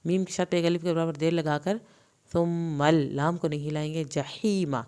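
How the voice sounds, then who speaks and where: Low smooth-voiced woman teaching recitation. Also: flat delivery, warm tone. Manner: recites slowly, then explains rules quickly. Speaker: Quran tajweed teacher. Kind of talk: tajweed recitation lesson.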